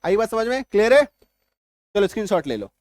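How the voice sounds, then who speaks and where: A man's voice: high voice, sing-song, fast talker, darkish tone, dry recording. A man teaching English spelling rules, repeating points and checking if students follow. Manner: repetitive, reassuring, keeps checking understanding. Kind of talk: spoken lesson explaining spelling rules.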